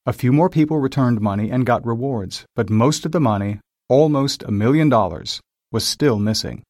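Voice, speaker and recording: A man narrating a simple story in a slow, clear, scripted reading style. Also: mid-range voice, a little mellow, no echo, studio quality.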